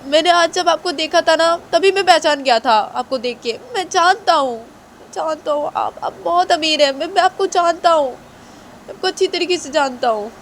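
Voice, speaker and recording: A woman's voice: very high-pitched, normal speed, slight background noise, pitched above the performer's own voice. A woman voicing a panicked guilty man who keeps begging for forgiveness in a whiny, repetitive way. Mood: pleading. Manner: whiny, begging, repeats sorry and please.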